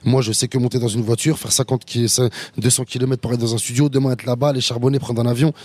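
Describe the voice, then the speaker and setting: A man with a husky, slightly breathy voice talks fast and loosely as a rapper being interviewed. He repeats words and keeps dropping in "you see" and slang as he goes. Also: mid-range voice, little pitch movement, a little mellow, no echo. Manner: fast, loose street slang, many restarts and "tu vois". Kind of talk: casual interview chat.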